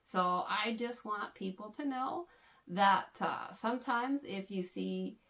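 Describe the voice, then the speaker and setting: A knitting vlogger chats casually to camera, explaining things patiently with plenty of fillers. Her mid-range voice is animated yet slow, a bit bright, with vocal fry and a slightly congested sound from allergies.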